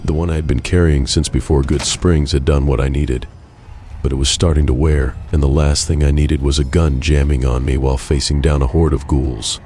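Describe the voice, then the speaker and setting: A man narrating a game playthrough as a first-person story in a measured, even way. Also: rumbling low, a little hiss or hum.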